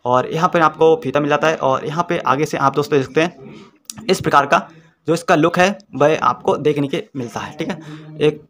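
Inside a small room with plain walls, a man in his twenties demonstrates a product for his YouTube review channel. He goes step by step, casually and with repetition, in a slightly high, fairly bright voice at normal speed.

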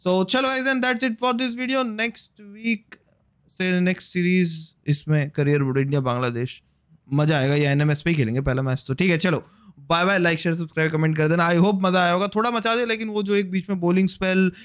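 A young man from India with a fairly high voice streams a cricket video game. He talks in a loose, chatty way, reacting to each shot and speaking to the viewers and the players on screen. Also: fast, clear, resonant tone. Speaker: gaming streamer. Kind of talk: casual game commentary.

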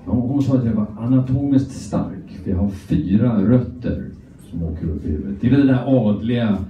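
Crude Swedish stand-up comic, distant. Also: male voice, mid-range voice, lively intonation. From Sweden. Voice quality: talks out of one side of his mouth. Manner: crude, rambling, self-mocking. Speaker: stand-up comedian. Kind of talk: stand-up routine. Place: comedy club stage. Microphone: phone camera from the audience. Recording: echoey, distant, muffled phone recording.

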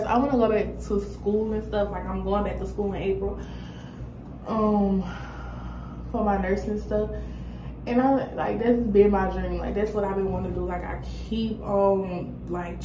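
A young adult woman vlogger vents casually to the camera from a small room at home, her speech halting and reflective. She has a mid-range voice. The phone or laptop at arm's length picks up roomy echo and clear background noise.

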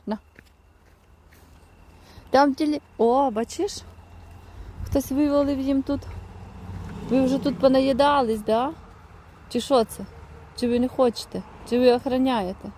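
Woman, with mixed in, higher register, soothing baby talk to animals, recorded outdoors. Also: dark tone. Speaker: vlogger feeding stray dogs. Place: outdoors by a roadside dump. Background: faint outdoor ambience, dogs and crows.

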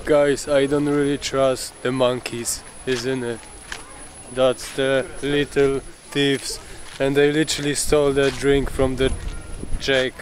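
A man's voice: medium pitch, slow pace, slight background noise. A man vlogging outdoors at a tourist spot, chatting casually in unpolished English toward a handheld camera. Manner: relaxed, unpolished English, chatty tour-guide asides. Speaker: vlogger, channel owner. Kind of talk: casual travel vlog talk.

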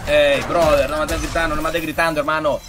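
Excitable man streaming a fighting game. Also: on the high side, quick pace. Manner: excitable, slangy, greets chat by name. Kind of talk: live gameplay commentary. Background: game music.

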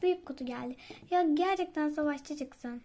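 A woman hosting a gaming channel, chatting excitably to her viewers as she plays. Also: high voice, normal speed. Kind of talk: casual gameplay commentary.

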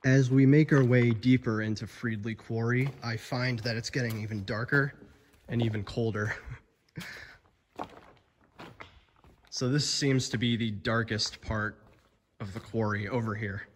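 A young adult explorer vlogger wanders an abandoned stone quarry cavern, chatting casually to a phone held at arm's length, with plenty of fillers and amazement. His mid-range voice has fairly even intonation, a measured pace, and long pauses. The cavern gives a long reverb, and slight background noise is present.

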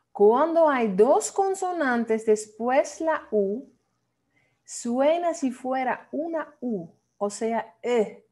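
A woman teaching a lesson on Dutch pronunciation, playful and repeating words slowly as drills. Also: on the high side, mellow. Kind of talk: online language lesson.

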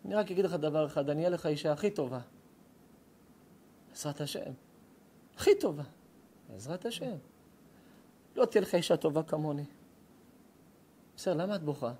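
A man voicing a young woman who pleads earnestly and softly with her suitor, told inside a sermon. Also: on the high side, animated, pauses often, husky, voice pushed down. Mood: pleading.

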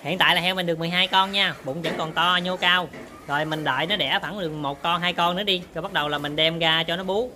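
A man's voice: a little high, noisy background. A man casually talks viewers through work in his pig barn, often turning to address them. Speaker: pig farmer vlogger. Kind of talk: casual on-farm demonstration.

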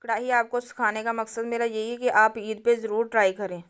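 A woman hosting a cooking channel talks her viewers through a home recipe, one step after another, in a calm, teaching manner. Her smooth voice is on the high side, and she keeps a brisk pace.

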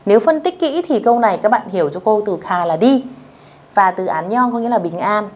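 A woman teaching beginners a language lesson, speaking patiently, repeating phrases slowly and checking that her students follow along. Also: medium pitch, expressive, highs cut off.

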